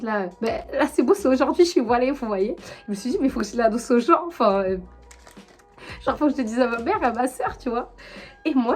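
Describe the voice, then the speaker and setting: Young woman vlogger, high voice, rambling slangy storytelling, soft music underneath. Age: young adult. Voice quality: high-pitched. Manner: chatty, animated, full of fillers and slang. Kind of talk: casual storytelling to camera.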